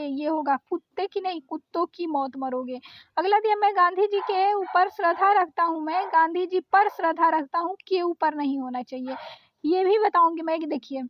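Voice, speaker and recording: A woman's voice: very high voice, muffled recording. A woman teaching an exam-prep grammar lesson, correcting sentences one by one and explaining each fix patiently.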